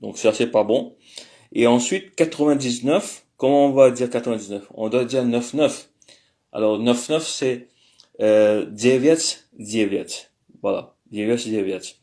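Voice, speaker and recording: A man's voice: mid-range voice, a little slow, warm tone. A man giving a casual spoken language lesson, hesitant and thinking aloud with many fillers. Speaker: language teacher.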